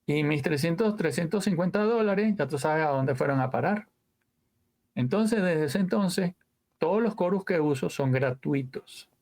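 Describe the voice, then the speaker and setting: This man, a visiting audio engineer, tells stories at an unhurried pace in a casual interview. His voice sits a little high, and he stays lively, full of sound effects and drifting side comments.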